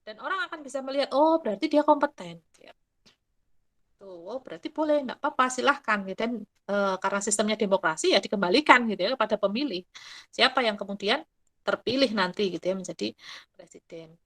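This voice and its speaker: A middle-aged woman explaining ideas in casual talk, animated and mixing in quick acted quotes. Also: medium pitch. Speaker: guest speaker.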